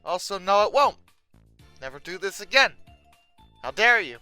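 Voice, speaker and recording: With a medium-pitched voice at a moderate pace, a video host offers comedic commentary on pictures in theatrical mock exasperation. He swings between deadpan asides and outbursts, recorded dry over soft background music.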